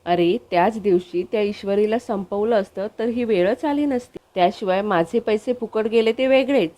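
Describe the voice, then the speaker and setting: A woman's voice: mid-range voice, normal speed, warm tone, natural voice. A woman voicing a scheming middle-aged villainess in a read-aloud story recap, urgent and scolding.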